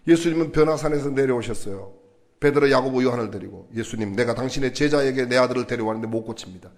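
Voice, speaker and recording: A man preaching a sermon in a church, animated and asking the congregation questions. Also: mid-range voice, fast. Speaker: pastor.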